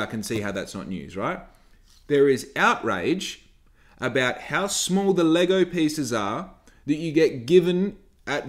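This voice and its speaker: A young Australian man hosting a solo podcast, ranting sarcastically and swearing freely. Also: on the high side. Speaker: podcast host. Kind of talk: casual solo podcast rant.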